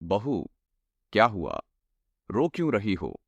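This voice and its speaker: A woman putting on a stern older father-in-law with a pitched-down voice for a cartoon story; he scolds protectively. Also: huge pitch swings, takes it slowly, gravelly, breathy edge, no echo, highs cut off, exaggerated voice. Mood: scolding.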